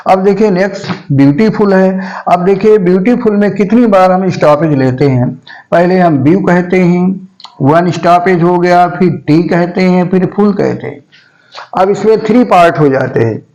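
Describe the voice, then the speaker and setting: A male teacher giving a grammar lesson, saying each word slowly and repeating it several times so students can follow. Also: sits high, darkish tone, muffled recording.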